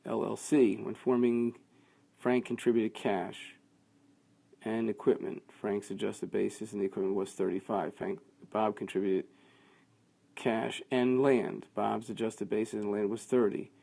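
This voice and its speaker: A man teaching a class, working through quiz answers out loud in a conversational way. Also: lowish voice, flat delivery, measured pace, creaky. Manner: thinking aloud, conversational, with fillers.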